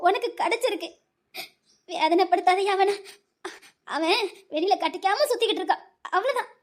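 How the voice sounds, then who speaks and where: Casting: a woman playing a protective, soft-spoken family woman with a very high voice and a Tirunelveli accent. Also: brisk. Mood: soothing. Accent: Tirunelveli Tamil. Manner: gentle, soothing, tearful pleading. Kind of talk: emotional web-series drama acting.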